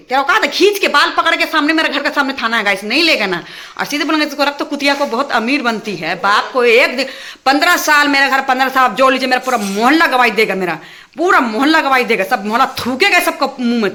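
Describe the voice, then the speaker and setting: A woman vents to her viewers in a heated, rapid rant. She repeats herself and pushes each point. Her voice sits fairly high and rings bright and cutting. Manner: talks fast and heated when angry, repeats phrases. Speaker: vlogger addressing her viewers. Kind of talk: angry casual rant to camera.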